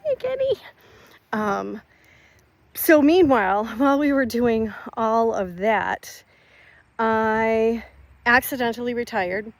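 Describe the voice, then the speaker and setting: Slow-talking chatty woman vlogging outdoors. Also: fairly high pitch, no room sound. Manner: chatty, rambling, drawn-out. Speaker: retired teacher vlogger. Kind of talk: casual catch-up vlog. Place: outdoors on a rural property.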